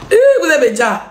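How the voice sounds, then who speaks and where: A woman's voice: high-pitched, roomy sound, slight background noise. A woman blogger, hosting a live stream and commenting in a mocking, laughing way. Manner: mocking, laughing, rapid back-and-forth with viewers.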